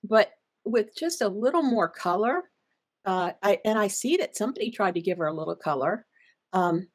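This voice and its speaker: A middle-aged woman talks through fashion picks in an easygoing chat. She is opinionated but halting, stumbling over restarts and fillers, at an ordinary middle pitch. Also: expressive. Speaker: color analyst co-host. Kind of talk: casual fashion commentary chat.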